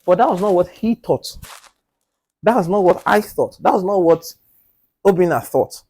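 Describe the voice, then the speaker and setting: In a podcast studio, a male co-host joins a casual group discussion, speaking at a moderate pace. Animated and forceful, he keeps asking "do you understand?" and lowers his voice to a hush to make a point.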